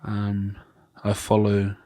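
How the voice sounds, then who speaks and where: A man's voice: fairly low pitch, monotone, takes it slowly, warm tone, no room sound, studio quality. A middle-aged man with a New Zealand accent, hosting a casual podcast chat and telling long stories, acting out the voices of people he quotes. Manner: rambling storyteller, acts out quoted voices. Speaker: podcast host.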